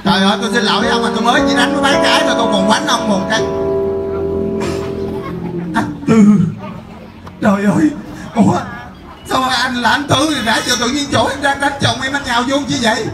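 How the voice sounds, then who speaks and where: A man playing a loud, jealous wife who wails and scolds while hunting down her drunk husband in a live comedy skit. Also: extremely high pitch, brisk, long pauses, roomy sound, music in the background. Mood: whiny. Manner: wailing, scolding, crying out to the crowd.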